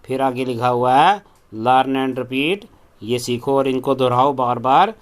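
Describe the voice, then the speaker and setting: A man's voice: mid-range voice, steady tone, moderate pace. A male teacher leading a phonics drill, spelling out each word letter by letter and then saying it.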